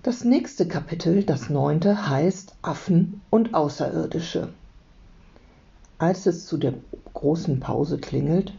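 A woman teacher calmly reading a children's book aloud to her class. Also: deep voice, gravelly. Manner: calm, steady storytelling. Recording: dull lo-fi recording.

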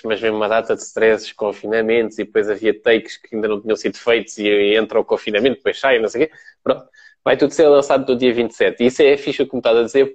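A man's voice: mid-range voice, a little mellow, highs cut off. A man with a European Portuguese accent in a casual, slangy conversation, talking as an entrepreneur about his work. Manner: informal, slangy. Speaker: entrepreneur, brand owner. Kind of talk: casual chat.

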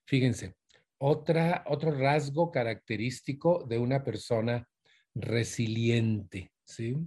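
A man's voice: mid-range voice, slow, darkish tone. A man giving a live motivational talk to an audience, asking them questions and acting out angry outbursts. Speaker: motivational speaker.

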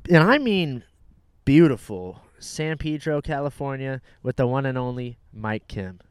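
A young man in his twenties hosts a casual podcast, teasing and ribbing his co-host with crude humor. His voice is smooth and resonant, recorded dry and close. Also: mid-range voice, animated, unhurried, no room sound. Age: 20s. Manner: teasing, banters with crude jokes. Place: outdoors near a beach.

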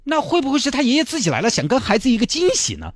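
Brief: kindergarten teacher, high and sweet, put on by a man. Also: wildly swooping pitch, very fast, no room sound, studio quality, heavily acted. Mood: chirpy.

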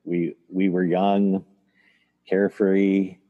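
A man talking over a video call in a reflective conversation, thoughtful and halting as he recalls the past. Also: sits low, little pitch movement. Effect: voice heard over a video call. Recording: dull, lo-fi video call audio.

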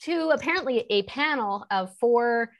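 A chatty woman in her thirties appears as a guest entrepreneur in a casual interview, telling stories with lots of fillers and animated retellings. Her native English sits on the high side and moves at a measured pace.

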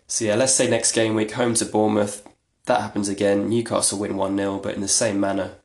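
A man's voice: fairly low pitch, little pitch movement, brisk, creaky, a little mellow. A man hosting a solo podcast, talking in a rambling, chatty, self-deprecating way. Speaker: podcast host. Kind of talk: casual solo podcast talk. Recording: echoey room.

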